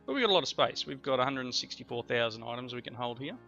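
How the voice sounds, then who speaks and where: Rapid-fire and animated, this medium-pitched male voice carries vocal fry and a sharp edge. The let's play host is getting a cold and rambles through casual gameplay commentary, correcting himself as he goes, over faint music in a slightly dull lo-fi recording.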